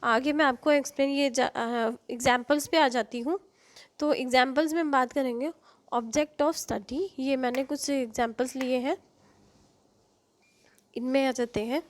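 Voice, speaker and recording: Higher-voiced Indian woman teaching a lecture. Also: steady tone, unhurried. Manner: explains in Hindi mixed with English terms, frequent fillers and self-corrections; checks in with "right?" and "okay?". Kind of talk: online lecture.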